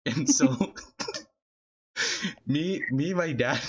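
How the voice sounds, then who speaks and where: A young male podcast host from a Filipino family in California rambles through casual stories, laughing as he talks. His voice is fairly high and husky, animated, with drawn-out words. The sound is dull and lo-fi.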